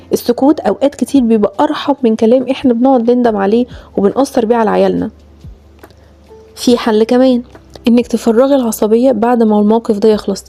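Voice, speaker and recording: A woman's voice: a little high, dark tone. A woman with an Egyptian Arabic accent, a mother coaching other mothers on parenting, earnest and addressing the viewer directly. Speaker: mother giving parenting advice. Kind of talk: direct-to-camera advice talk.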